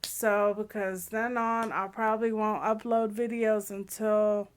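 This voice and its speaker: A woman with loud, heavy breathing talking casually and apologetically in a vlog update to viewers. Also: medium pitch, little pitch movement, measured pace, clean tone. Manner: apologetic, informal. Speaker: gaming video creator.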